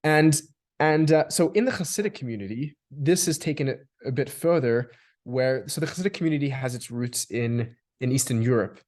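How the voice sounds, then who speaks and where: A guest from Australia, medium-pitched with a darkish tone and normal speed, thinks aloud in a reflective discussion. His long sentences come together through repeated words and restarts.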